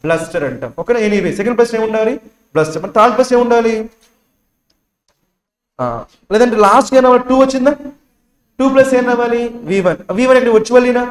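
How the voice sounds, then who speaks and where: A man's voice: very high-pitched, quick pace, long pauses. A man with a Telugu accent teaching an English exam lesson, quizzing students and repeating each answer. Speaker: English teacher for bank exams. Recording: echoey room.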